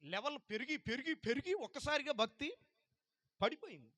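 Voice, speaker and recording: A man, a pastor giving a testimony sermon to a congregation, swinging from loud rebuke to quiet asides. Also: very high-pitched, sing-song, moderate pace, dry recording.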